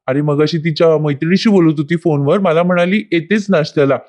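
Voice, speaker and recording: Kindly mother, doting, slow and gentle, read by a woman, storybook retelling. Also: sits low, natural voice. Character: kindly mother offering food.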